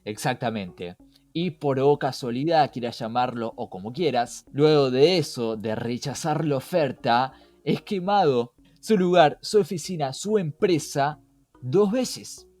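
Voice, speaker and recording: With lively intonation and an unhurried delivery, a mid-range, slightly mellow male voice co-hosts a conversational explainer podcast in a Rioplatense Argentine accent. He asks rhetorical questions of his co-host and listeners, then answers them. The recording is dry, with faint background music.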